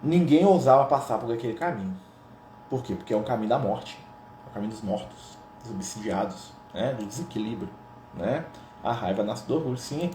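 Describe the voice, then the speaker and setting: Brisk and expressive, a man with a warm, medium-pitched voice and a Brazilian Portuguese accent conducts a gospel study conversationally, often ending phrases with tag questions. The informal spiritual teaching is captured in a roomy echo with slight background noise.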